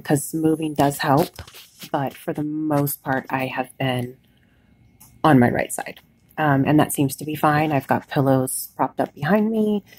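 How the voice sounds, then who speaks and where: A woman recording a casual, candid video diary, sounding weak and worn out after surgery, talking haltingly. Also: low-pitched, darkish tone, breathy edge, dry recording. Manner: candid, plain-spoken. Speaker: patient vlogger recording a recovery diary. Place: hospital bed, indoors.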